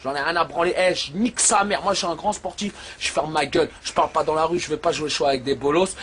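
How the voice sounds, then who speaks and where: A man's voice: a little high, quick pace, fairly bright tone, a little hiss or hum. A man from Algeria, a shop owner, ranting crudely and aggressively at the camera with threats and insults. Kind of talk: angry rant to camera.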